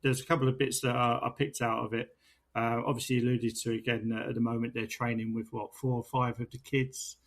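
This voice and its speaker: A man hosts a casual sports podcast. His mid-pitched voice is notably creaky, and his intonation stays fairly flat as he chats. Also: a little fast. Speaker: podcast host.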